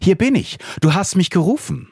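A man's voice: high voice, big pitch swings, moderate pace, creaky, dark tone, breathy edge, voice pushed up, heavily acted. A man voicing an eager, obedient young boy in a dramatized Bible reading.

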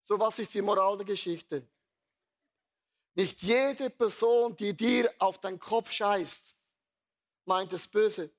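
A man preaches a sermon with a high voice. He talks in a lively storytelling manner, blunt and earthy. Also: takes it slowly, pauses often. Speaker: pastor.

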